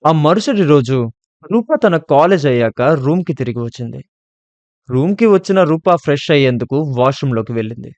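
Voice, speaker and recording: A man narrating a scripted horror story in a steady, measured way. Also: fairly high pitch, no echo, highs cut off.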